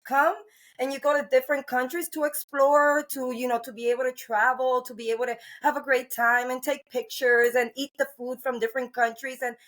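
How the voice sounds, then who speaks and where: Her voice sits high, with a level, fairly bright tone and a brisk delivery. A middle-aged podcast host from Cuba, she rambles earnestly in a casual interview, restarting often and leaning on fillers.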